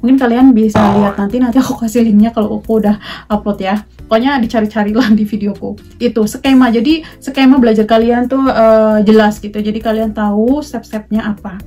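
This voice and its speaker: Young woman vlogger, casual chat, mellow voice, higher pitch, light music behind. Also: fairly even intonation, brisk. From Indonesia. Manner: chatty, mixes in English words, frequent fillers. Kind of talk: casual talk to camera.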